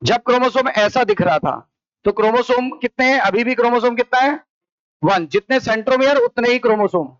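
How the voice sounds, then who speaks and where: High-voiced Indian man drilling a class. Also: brisk, no echo, dull audio. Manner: repetitive question-and-answer drilling. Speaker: biology teacher. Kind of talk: classroom lecture. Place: coaching classroom.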